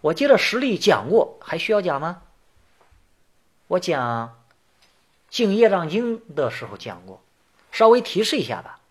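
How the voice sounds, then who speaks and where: A man teaching as a Buddhist teacher in a sutra lecture, explaining terms point by point and chanting the verse lines slowly. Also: high-pitched, big pitch swings, breathy edge.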